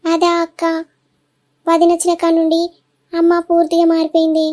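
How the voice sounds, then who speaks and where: A woman's voice: extremely high pitch, monotone, normal speed, mellow. A woman voicing an aggrieved younger sister in a cartoon, complaining and tattling in a Telangana accent. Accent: Telangana Telugu.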